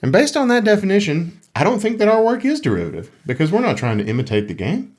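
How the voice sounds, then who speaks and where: This man co-hosts a gaming podcast, talking quickly in a high-pitched, darkish voice that is very animated. The chat is casual and jokey, and he adds playful drama to anything he reads aloud.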